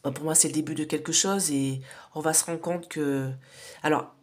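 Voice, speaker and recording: As a psychic card reader, a woman with a low, steady, nasal voice does a relaxed oracle reading for her audience at a moderate pace. Her talk wanders with fillers, asides, and tag questions, and she whispers while pulling cards.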